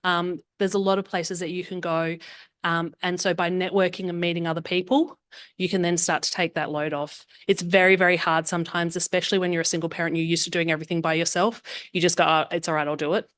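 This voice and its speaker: A woman's voice: fairly low pitch, flat delivery, fast, a bit bright, no room sound, clean studio sound. A woman in her forties with an Australian accent, telling a candid personal story at a meetup with self-deprecating humor. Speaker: meetup speaker. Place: meetup room.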